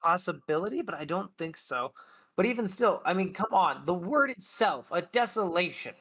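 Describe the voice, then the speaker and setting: A man chatting casually as a tabletop game player, emphatic and quick to swear. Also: high-pitched, expressive, a bit bright. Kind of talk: casual chat.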